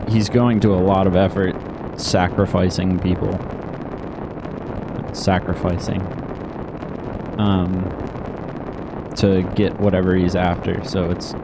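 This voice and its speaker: A man's voice: deep voice, heavy background noise. A man giving casual, laid-back, understated commentary as he plays through a video game. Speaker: gamer doing a playthrough.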